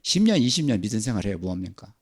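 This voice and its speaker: A man's voice: on the low side, sing-song, racing, slightly rough. An older man preaching a sermon as pastor, asking and answering his own questions.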